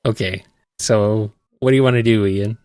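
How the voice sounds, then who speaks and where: A man's voice: fairly low pitch, fairly even intonation, normal speed, darkish tone, smooth, dry recording, studio quality. A man running a text adventure, narrating in a matter-of-fact way and stumbling a little when he improvises. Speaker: game master.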